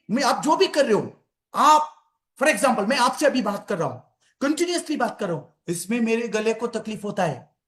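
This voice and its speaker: A man giving a conversational health talk to an audience, repeating phrases for emphasis and calling his listeners friends. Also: very high voice. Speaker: health and wellness speaker. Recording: echoey room.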